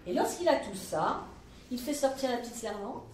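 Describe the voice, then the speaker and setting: A female storyteller telling a folk tale in a lively, colloquial way. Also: a little high, normal speed, a little hiss or hum. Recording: roomy live room, mic at a distance.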